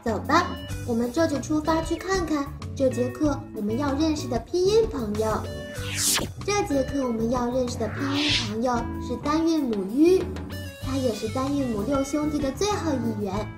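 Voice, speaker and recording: High-pitched little cartoon creature, toddler teacher. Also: female voice, expressive, moderate pace, music in the background. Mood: eager, encouraging. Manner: simple, exaggerated, encouraging talk, as if reading to a toddler. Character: little pink cartoon creature Le'er, cheerful child-like phonics teacher. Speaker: children's phonics teacher. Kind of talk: animated lesson for small children.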